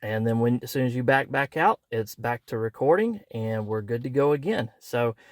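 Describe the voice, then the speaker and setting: A man's voice: mid-range voice, dry recording, studio quality. A man reviewing a product, talking through its setup in a folksy, conversational way. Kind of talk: casual product review demo.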